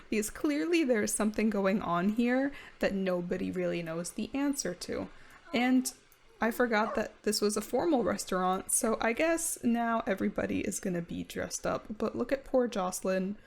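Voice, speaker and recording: Gravelly-voiced woman narrating gameplay. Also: mid-range voice. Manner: chatty, animated, self-mocking. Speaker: gameplay video creator. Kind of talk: casual let's-play commentary.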